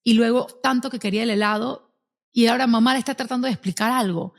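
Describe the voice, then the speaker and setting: A woman hosting a casual interview, telling stories in an animated way. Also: on the high side, quick pace. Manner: animated storyteller. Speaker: host.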